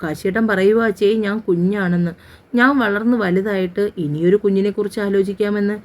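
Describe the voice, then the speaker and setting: A woman's voice: mid-range voice, fairly even intonation, brisk, lightly acted. A woman voicing a sulky, childlike young wife in her twenties who insists on getting her way. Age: 20s. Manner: pouting, insistent.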